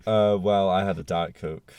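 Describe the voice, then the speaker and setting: Low-voiced joking man. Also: steady tone, normal speed, darkish tone, clean tone, no echo. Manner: jokey, full of fillers. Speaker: podcast co-host. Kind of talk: casual banter. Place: parked car.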